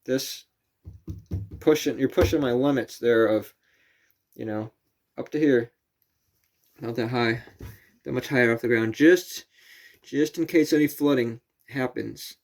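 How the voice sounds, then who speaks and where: A man's voice: medium pitch, a little slow, long pauses. A man vlogging casually outdoors at night near a camper, rambling and correcting himself as he goes.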